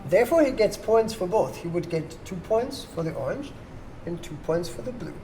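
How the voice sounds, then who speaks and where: Someone explains board game rules to players at a table in a sing-song, warm, mid-range voice at normal speed. As host, they are patient and instructive and check understanding. Background ambience from a noisy room is audible.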